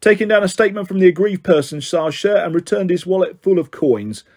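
A man voicing a policeman, dutiful, reporting, raised pitch. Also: expressive, a little fast, darkish tone. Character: dutiful second male policeman.

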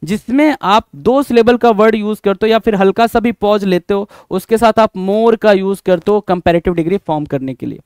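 A man's voice: high voice, normal speed, few pauses, darkish tone, smooth, no room sound, studio quality. A young Indian man teaching English grammar in a live online exam-prep class, addressing students as "bhai", repeating points and asking rhetorical questions. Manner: addresses students as bhai, answers chat comments by name.

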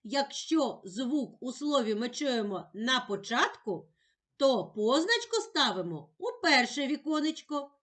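A woman teacher giving a slow, clearly spoken lesson for young children, drawing out the words and sounds she stresses. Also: sits high, very animated, fairly bright tone. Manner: drawn-out, sing-song emphasis on words and sounds.

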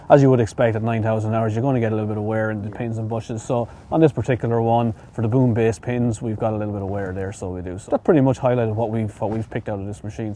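Fast-talking man explaining inspections. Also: mid-range voice, dark tone, a little hiss or hum. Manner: practical, repeats words while explaining. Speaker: machine inspector. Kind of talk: on-site equipment walkthrough. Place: outdoors at an equipment auction yard.

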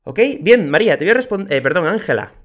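Spanish guy teaching grammar, kinda high voice, bouncy, spells out examples slow. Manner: slow, clear delivery of examples with lively emphasis. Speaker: Spanish teacher and podcast host. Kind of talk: explaining grammar to learners. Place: home, moving to his terrace.

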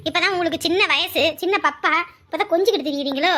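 A woman voicing a sharp-tongued, hard-working village wife and mother, quick with dismissive retorts. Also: extremely high pitch. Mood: snappish.

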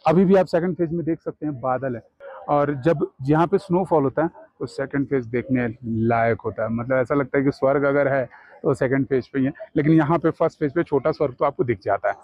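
A man's voice: fairly high pitch, no echo. Chatty man vlogging outdoors. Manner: chatty, pointing things out to viewers. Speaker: travel vlogger. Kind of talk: casual travel vlog. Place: outdoors on a mountain meadow. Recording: slightly dull lo-fi camera audio.

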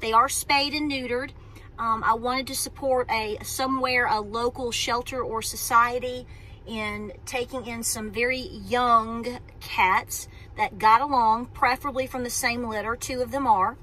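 This woman's slightly high voice comes across pushed and bright, with fairly even intonation and a measured pace, in a low-quality recording. A homestead vlogger, she chats from a parked car to a phone camera at arm's length, rambling and cutting herself off to start sentences over.

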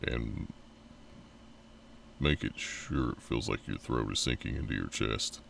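A man's voice: extremely low pitch, unhurried, creaky, a bit bright, distant mic, a little hiss or hum. A man streaming a horror game live, chatting casually with his viewers and laughing often.

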